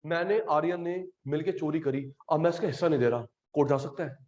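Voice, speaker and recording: In an online class, an Indian-accented man teaches in Hindi peppered with English terms, animated and playfully teasing. His voice is a little high and fast, and the recording's highs are cut off.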